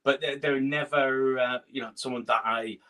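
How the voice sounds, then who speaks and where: A middle-aged man with a northern English accent, from Scotland, appears as a guest musician in a relaxed video-call interview. His mid-range voice is steady and moderately paced. He hesitates a lot, with many fillers, restarts, and soft laughs.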